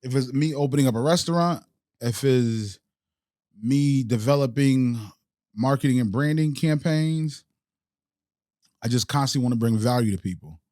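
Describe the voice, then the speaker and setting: A man born in Haiti and raised in the US, an entrepreneur appearing as a podcast guest, speaks reflectively in street slang, restarting often in a casual interview chat. His mellow, medium-pitched voice moves at normal speed with long pauses, recorded clean in a studio with no room sound.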